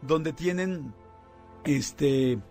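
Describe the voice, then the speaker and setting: A man with a Mexican accent hosting a radio show, telling a story in a lively way with lots of fillers. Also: a little high, drawn-out words, faint music behind. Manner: animated storytelling with many fillers. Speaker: radio host. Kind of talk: casual radio chat.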